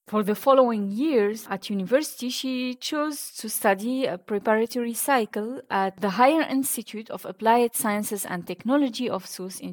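A woman with a Tunisian North African accent narrating a scripted piece as a podcast host. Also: on the high side.

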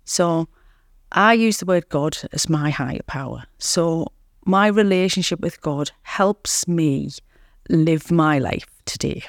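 A woman guest on a podcast earnestly and reflectively tells her recovery story in a candid interview, often repeating words and saying "you know." Her voice sits low and slow, captured in studio quality with no echo.

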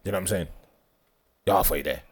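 A man's voice: low-pitched, fast talker, husky. A young man with a London roadman accent hosting a podcast with casual, slang-filled banter, often repeating his phrases. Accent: London roadman, multicultural London slang. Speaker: podcast host.

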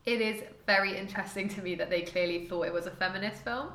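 A woman co-hosting a casual film chat, talking loosely with lots of fillers and quick laughs. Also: mid-range voice, a bit bright, reverberant. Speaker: podcast co-host.

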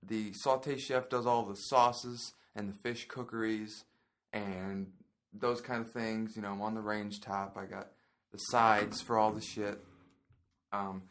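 A young man from Indiana who is training as a chef, chatting as a podcast guest in a relaxed, laughing way with lots of hesitations. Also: on the low side, measured pace. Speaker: podcast guest, culinary student. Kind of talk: casual chat.

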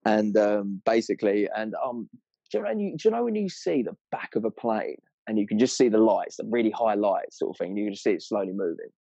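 A man's voice: on the low side, expressive, fast talker, gravelly, warm tone, no echo, highs cut off. A man with a southern English accent telling anecdotes in casual, sweary, slangy chat, rambling along in a matey way.

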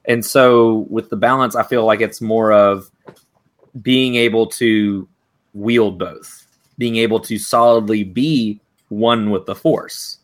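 Laughing man chatting on a fan podcast. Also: takes it slowly. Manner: animated, laughs often, acts out quotes in a higher voice. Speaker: podcast co-host. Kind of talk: casual fan podcast chat.

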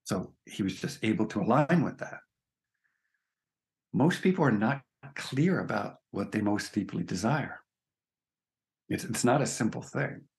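A man speaking as a spiritual teacher in an interview sounds earnest and emphatic, often checking in with "right?" during the reflective conversation. His voice is on the low side, with vocal fry.

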